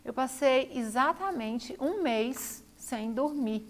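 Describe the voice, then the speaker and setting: A woman's voice: high-pitched, animated, slow pace, a little hiss or hum. A woman telling her own story to camera, repeating phrases for emphasis. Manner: repetitive, emphatic retelling. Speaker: vlogger.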